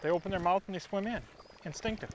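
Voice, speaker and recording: Fishing-show host, high voice, easygoing boat chatter with faint outdoor noise. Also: male voice, fast talker. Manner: excited, coaching the angler. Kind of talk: casual on-the-water chat.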